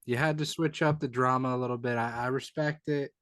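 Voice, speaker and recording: A man's voice: medium pitch, steady tone, a bit bright, smooth, dry recording. Young man hosting, dry close sound. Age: young adult. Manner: leads segments, joking and brisk. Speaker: podcast host. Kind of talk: casual chat.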